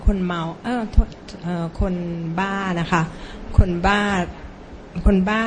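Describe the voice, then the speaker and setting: A woman's voice: mid-range voice, steady tone, takes it slowly, slight background noise. A laywoman politely asking a monk a question, hesitant with many fillers. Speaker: lay questioner.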